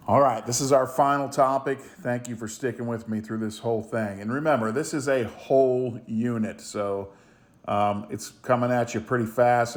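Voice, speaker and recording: A man with an Appalachian accent teaching in an informal recorded lesson, explaining things in a plain-spoken, folksy way. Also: medium pitch. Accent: Appalachian hillbilly. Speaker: biology teacher.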